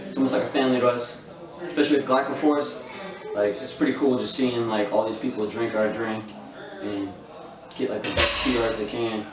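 Flat-voiced young man in a gym. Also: medium pitch, fairly quick, far from the mic. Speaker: powerlifter. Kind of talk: casual gym interview. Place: large busy gym, indoors. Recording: roomy gym with crowd noise.

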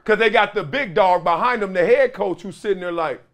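A man's voice: high-pitched, fairly quick, fairly bright tone, shouting. A middle-aged man hosting sports commentary, telling stories and acting out quotes with big gestures in a small studio. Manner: storytelling, acts out quotes, gestures broadly.

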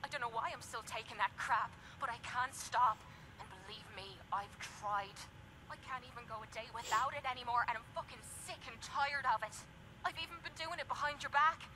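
Actress as a blunt young Irish addict, pleading. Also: female voice, fairly high pitch, fairly quick, noisy background, natural voice. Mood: ashamed, frustrated. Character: tough young female drug addict companion, desperate for help. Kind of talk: dramatic video game dialogue.

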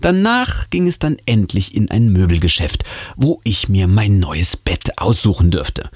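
Male horror audiobook reader, very lively delivery, dry. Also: fairly low pitch, measured pace, husky, no room sound. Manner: expressive, dramatic reading. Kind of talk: horror story reading.

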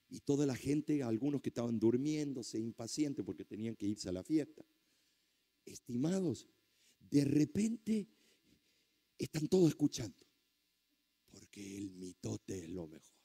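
A male pastor preaching a sermon through a lively story, with exclamations and sound effects. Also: medium pitch, unhurried, long pauses, breathy edge.

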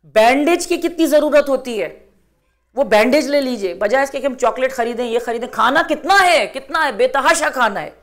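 A middle-aged woman with a slightly high voice delivers a religious talk to a gathering of women. She speaks earnestly and exhorts her listeners, repeating key phrases for emphasis. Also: a bit bright.

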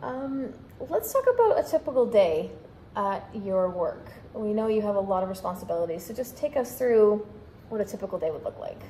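A woman's voice: mid-range voice, big pitch swings, fairly quick, dark tone. A woman in her thirties or forties co-hosting, asking casual interview questions. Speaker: vlog co-host and interviewer. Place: indoor council chamber. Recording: roomy echo, background noise.

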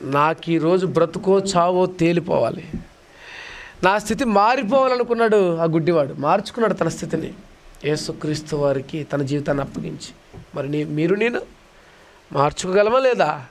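A man preaching a dramatic sermon, asking rhetorical questions and swinging between loud declaiming and soft asides. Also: on the high side, lively intonation, normal speed. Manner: dramatic, acts out voices of beggars and crowds, rhetorical questions.

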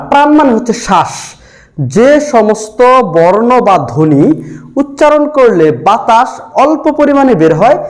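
A man with a high-pitched voice delivers a grammar lesson as a teacher. He works through the material methodically, saying each sound on its own before explaining it. He speaks close to the microphone. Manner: methodical, repeats letters one by one while explaining.

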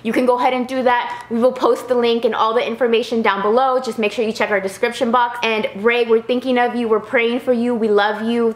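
Chatty woman vlogger in a roomy space. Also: mid-range voice. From Arizona. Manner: earnest, chatty, thanking viewers warmly. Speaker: family vlogger. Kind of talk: casual talk to camera. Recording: roomy echo.

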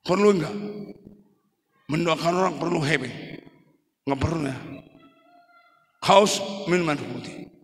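A male pastor preaching a sermon in a church, speaking in short emphatic phrases that sometimes rise to a shout. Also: a little high, measured pace, long pauses. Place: church hall. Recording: reverberant church hall.

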